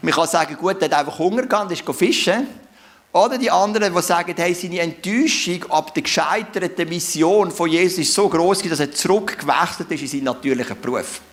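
Higher-voiced Swiss man preaching. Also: quick pace. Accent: Swiss German. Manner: conversational storytelling with rhetorical questions. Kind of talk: sermon.

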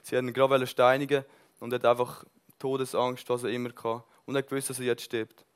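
Male preacher, passionate, surges loud then drops soft, mid-pitched voice. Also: little pitch movement, fast, smooth. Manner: passionate, swings between loud bursts and soft intensity; mixes in English words. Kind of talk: sermon.

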